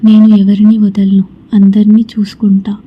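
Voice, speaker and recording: A woman's voice: medium pitch, monotone, normal speed, slightly rough, muffled recording, lightly acted. A woman voicing a wronged, vengeful young female ghost who accuses and demands justice in a horror story. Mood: accusing.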